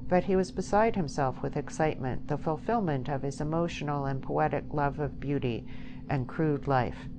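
A woman reading a novel aloud as an audiobook narrator, in a measured, even way. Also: sits low. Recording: steady background hiss.

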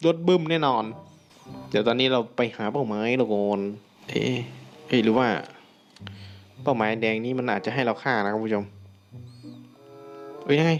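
A young man giving casual gameplay commentary, excitable, breaking into loud exclamations and talking to viewers. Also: mid-range voice, normal speed, long pauses, soft background music.

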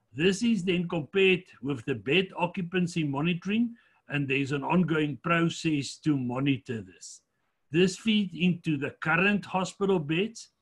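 A man presenting slides in a lecture, measured but fairly quick, with frequent fillers. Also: on the high side, fairly bright tone, slightly rough.

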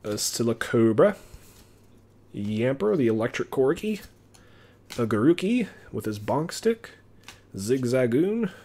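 A man streaming himself opening trading card packs, chatting casually and getting excited over his pulls. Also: medium pitch, slow pace, pauses often. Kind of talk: casual live-stream commentary.

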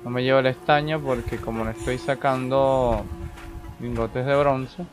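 A man talks his way through a game session in a loose, rambling way, thinking aloud as he goes. His voice sits at an ordinary middle pitch. Game music plays clearly behind him. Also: steady tone, unhurried. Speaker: gaming channel host. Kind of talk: casual gameplay commentary.

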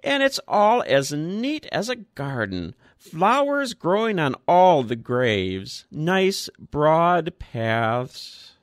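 A man's voice: fairly high pitch, sing-song, drawn-out words, hardly any pauses, no echo, studio quality, voice pushed up, exaggerated voice. A man voicing a frail old man with a thin, piping, quavering voice who rambles on chattily. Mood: chatty.

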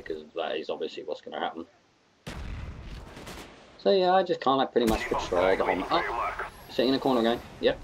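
Young british guy rambling over his game footage, lowish voice, gunshots going off behind. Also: background noise. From United Kingdom. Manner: chatty, rambling, sarcastic about campers. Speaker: gaming commentator. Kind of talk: casual gameplay commentary. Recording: game gunfire underneath.

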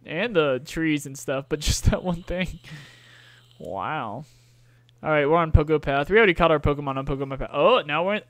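A man's voice: fairly high pitch, lively intonation, moderate pace, a bit bright, no echo. A young man co-hosting a game stream, chatting playfully and joking around. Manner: playful, jokey, breaks into silly voices. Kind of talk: casual gameplay commentary.

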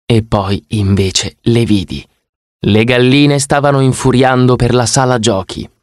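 A man reading an audiobook in the first person, expressive and vivid. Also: medium pitch, a little slow, no echo, clean studio sound. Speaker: audiobook narrator.

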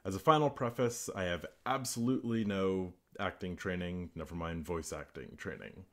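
Deep-voiced man in announcer style. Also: moderate pace, a bit bright. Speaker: amateur voice actor. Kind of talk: self-recorded vlog and dramatic reading.

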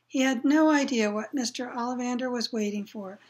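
A woman's voice: on the high side, brisk. A woman reading a children's novel aloud, plain storytelling with brief asides to listeners. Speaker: reader.

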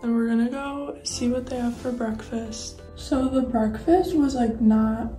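A woman's voice: a little high, unhurried, warm tone, faint music behind. Chatty young woman vlogging from a hotel. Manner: chatty, uses "like" often. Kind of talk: casual vlog chat. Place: hotel room.

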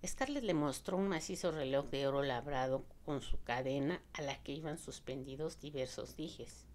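Woman, low voice, audiobook narration, measured, expressive reading.

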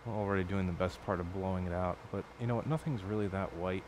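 A low-voiced adult man talks at a quick pace over background noise. This electronics hobbyist streamer works on a project at his home bench late at night, chatting casually, rambling, swearing and self-correcting.

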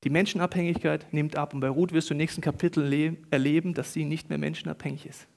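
A man preaching as a pastor, telling stories with lively swings between loud bursts and quiet, acting out the voices he quotes. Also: a little high, fast, creaky. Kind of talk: sermon.

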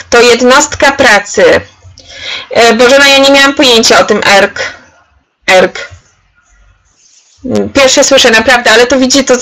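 A woman's voice: fairly high pitch, a bit bright, rough recording. A woman leading an online workshop for teachers, demonstrating an activity on screen. She is chatty and encouraging and calls participants by name. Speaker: trainer leading a webinar for teachers.

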